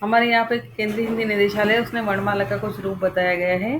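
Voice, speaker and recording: A woman teacher giving a lesson, slowly spelling out example words one at a time and checking back with her students. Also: medium pitch, flat delivery, noisy background. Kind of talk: slow spoken lesson.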